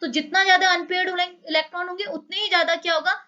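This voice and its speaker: A woman's voice: very high-pitched, steady tone, fast, bright, forceful tone, lo-fi sound. A woman with an Indian accent lecturing on chemistry, explaining step by step and asking many rhetorical questions. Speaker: chemistry teacher.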